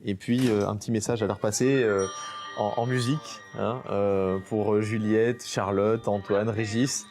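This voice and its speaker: Low-voiced guy from french guiana, photographer, lots of euhs and restarts, chatty festival interview. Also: steady tone, measured pace, music in the background. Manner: hesitant, many fillers and restarts. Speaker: nature photographer exhibiting.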